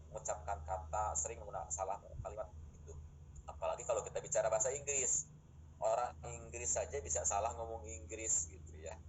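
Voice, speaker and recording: A man's voice: on the low side, slight background noise, poor audio. A middle-aged man lecturing his students in a classroom, explaining points patiently and posing rhetorical questions.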